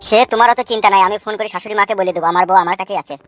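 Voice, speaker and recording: A woman's voice: mid-range voice, fairly even intonation, rapid-fire, no room sound, highs cut off, soft background music, natural voice. A woman voicing a secretive young village husband who answers evasively, in a comic cartoon.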